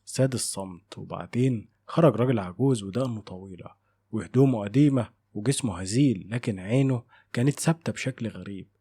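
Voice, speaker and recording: Egyptian guy reading a scary story, slow suspense, low voice, dry. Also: mellow, slightly rough, dry recording. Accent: Egyptian Arabic. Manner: measured, suspenseful. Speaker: narrator. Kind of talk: scripted horror story narration.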